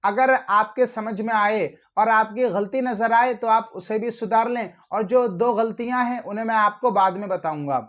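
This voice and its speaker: A man giving religious instruction, explaining recitation slowly and carefully. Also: high-pitched, fairly bright tone. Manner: slow drawn-out recitation when demonstrating. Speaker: religious teacher.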